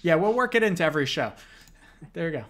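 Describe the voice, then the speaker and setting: A man's voice: on the high side, sing-song, fast talker, fairly bright tone. A man co-hosting a chess roundup, explaining moves in a casual, analytical way with frequent "uh" and "um" fillers. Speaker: chess commentator.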